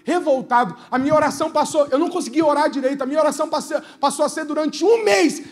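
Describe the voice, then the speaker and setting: A young man delivers a testimony from the pulpit. His voice sits very high and he swings between loud exclamations and near-muttered asides as he voices the people in his story. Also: fast talker. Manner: animated storytelling with quoted dialogue. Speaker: preacher. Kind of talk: testimony sermon.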